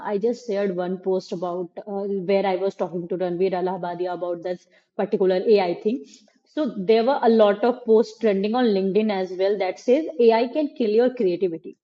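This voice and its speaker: A woman's voice: on the high side, mellow. A woman hosting a podcast, talking casually with emphatic opinions. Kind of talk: casual conversation. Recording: slightly muffled, dull sound.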